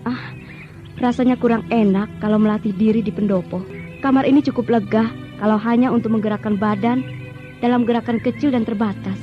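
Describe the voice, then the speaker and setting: A woman's voice: a little high, fairly even intonation, brisk, dull audio, faint music behind. An actress playing a stubborn, wounded young woman warrior, impatient and bantering, in an old radio drama recording. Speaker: Tri Andiani, a radio drama character.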